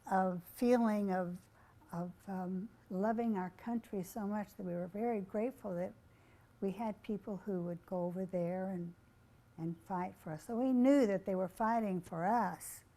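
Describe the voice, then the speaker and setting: A woman's voice: medium pitch, unhurried, dark tone. An older woman giving an earnest, reflective oral history of wartime home life.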